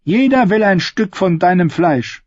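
A man's voice: sits high, lively intonation, unhurried, no room sound, lo-fi sound, voice pushed up. A man voicing a cold, scornful middle-aged queen mother in an audiobook reading, speaking in an imperious, contemptuous manner. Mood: weary, bitter.

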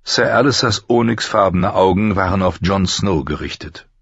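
A man narrating an audiobook with a steady, measured reading. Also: low-pitched, breathy edge, no room sound, dull audio. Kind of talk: scripted narration.

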